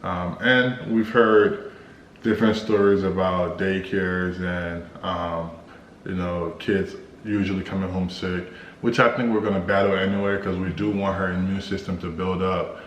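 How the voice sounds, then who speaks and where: An American man co-hosting a casual Q&A vlog, explaining things in a measured, halting way. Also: sits low, steady tone. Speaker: vlog co-host. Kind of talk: casual couple Q&A chat. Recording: roomy echo with clear background noise.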